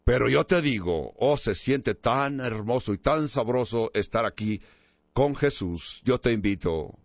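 A man preaching a sermon and telling a story, in an earnest, inviting manner with pauses. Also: medium pitch, animated, no echo. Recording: dull lo-fi dry recording.

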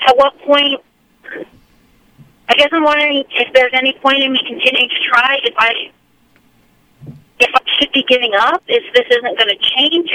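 A woman calling in over a muffled Bluetooth line from her car, speaking hesitantly and earnestly with many pauses. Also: on the high side, sharp tone, no room sound. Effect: muffled Bluetooth phone call from a car. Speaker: caller. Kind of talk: call-in conversation. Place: in a car while driving. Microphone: car Bluetooth hands-free.

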